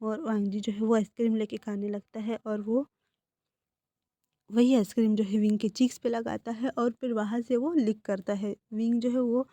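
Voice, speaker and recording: Woman narrator retelling fan fiction casually; slightly high, warm, dry. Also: fairly even intonation, normal speed, no echo. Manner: plain, conversational storytelling.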